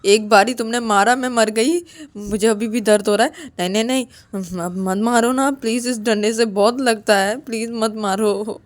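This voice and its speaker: A frightened, stammering young woman, put on by a woman narrator, her voice pushed high and whiny as she begs. She trips over her words again and again. This is a homemade audio story told by one reader. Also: unhurried, close to an everyday voice. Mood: pleading. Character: timid, stammering young woman, easily scared.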